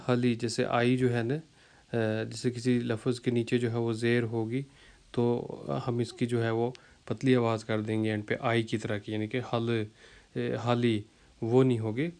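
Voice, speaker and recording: A man teaching a vocabulary lesson who speaks. He repeats each word slowly and uses many fillers as he explains. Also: medium pitch, a little mellow, smooth. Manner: slow, repeats words to drill pronunciation, many fillers. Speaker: language teacher.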